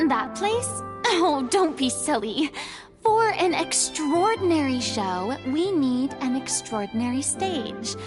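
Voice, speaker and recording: A woman's voice: high voice, lively intonation, slow pace. A woman acting a self-assured, playfully haughty grand lady with a dramatic, grandiose manner in a game. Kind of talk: voice-acted game dialogue. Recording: loud music behind the voice.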